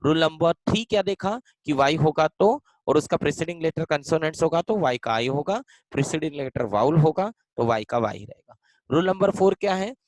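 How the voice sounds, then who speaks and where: A male teacher runs an exam-focused grammar lesson, his pitch rising and falling a lot as he drills each point over and over. He keeps asking questions and answering them himself, and slips English phrases into his explanations. The sound is dry and close, with no room echo.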